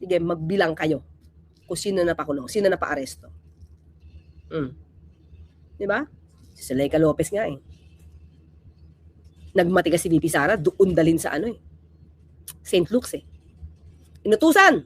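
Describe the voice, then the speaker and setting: A woman's voice: on the low side, normal speed, long pauses, breathy edge. A woman hosting a casual political commentary vlog, talking emphatically and animatedly and throwing out rhetorical questions to her viewers. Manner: emphatic, keeps asking rhetorical "di ba?"; animated, swings between loud and quiet.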